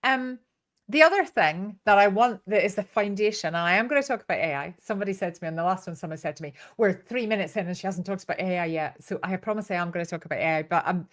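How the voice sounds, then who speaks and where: A woman from Northern Ireland, with a Northern Irish accent, hosts an informal live training talk. She speaks fast in a lowish voice, chatty and given to storytelling asides.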